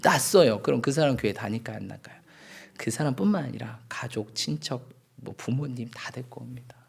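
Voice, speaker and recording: A male pastor delivers a sermon in a church, with a gravelly, rough-edged voice. His pitch rises and falls in a lively way as he tells a story and keeps asking the congregation questions. He shifts from loud exclamations to hushed, near-whispered asides. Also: brisk. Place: church sanctuary.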